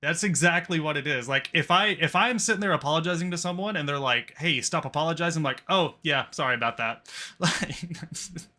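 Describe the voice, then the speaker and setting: A man's voice: fairly high pitch, a little fast, pushed and bright. A man hosting a casual podcast, rambling with lots of fillers and swearing freely. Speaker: podcast host. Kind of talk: casual chat.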